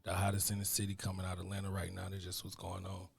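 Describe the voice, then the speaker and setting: A man's voice: sits low, completely flat delivery, rapid-fire, creaky, husky. A young man from Mississippi, a guest rapper chatting casually in an interview, laid-back and slangy. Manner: laid-back, slangy, keeps saying "you know what I mean".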